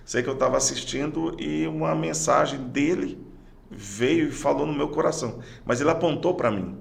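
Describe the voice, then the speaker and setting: A middle-aged man with a Brazilian Portuguese accent, a podcast guest telling a personal story in a halting way, often repeating words and restarting phrases. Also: on the high side, gravelly. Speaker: podcast guest, police sergeant. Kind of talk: personal testimony in casual conversation.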